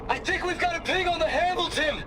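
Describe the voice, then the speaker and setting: Panicked navy officer on an old recording. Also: male voice, very high voice, fairly quick, a crowd in the background. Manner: urgent, shouting battle reports. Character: male warship officer under attack, panicked. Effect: old recorded distress message. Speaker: naval ship crew member. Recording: old recording with heavy static noise.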